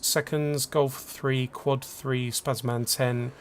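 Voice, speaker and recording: A male race commentator gives casual, chatty commentary on an online racing league, calling positions, listing penalties and laughing along. His mid-range voice is slow with a flat delivery.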